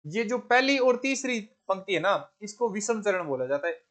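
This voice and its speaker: High-voiced man teaching a grammar lesson. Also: big pitch swings, normal speed, a bit bright. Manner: repeats questions and answers them himself; corrects himself mid-sentence. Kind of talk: exam-prep grammar lesson.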